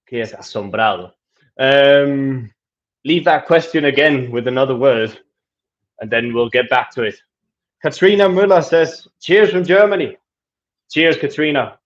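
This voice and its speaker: During a relaxed live Q&A that mixes English and Spanish, a travel vlogger reads out viewer questions and responds in a chatty, easygoing manner, restarting now and then. He's a man whose first language is Danish, with a middle-pitched voice. The audio sounds somewhat dull and lo-fi.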